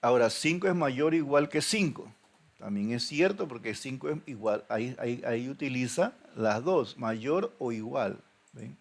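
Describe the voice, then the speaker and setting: Male instructor, gravelly, halting lecture delivery with constant check-ins. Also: mid-range voice, animated. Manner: hesitant, many fillers and restarts, checks in with "¿ven?". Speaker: programming teacher. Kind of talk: recorded classroom lecture.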